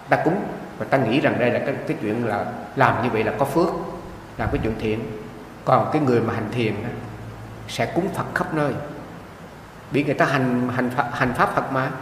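A man's voice: medium pitch, slight background noise. Man giving an echoey dharma talk. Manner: lively storytelling, acting out quoted voices. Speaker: monk interpreting a dharma talk. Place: meditation hall. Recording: echoey hall from a distance.

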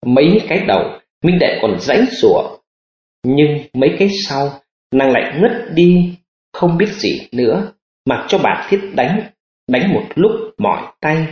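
A man narrating an audiobook in an expressive storytelling manner. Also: fairly high pitch, a little slow. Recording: roomy lo-fi audiobook recording.

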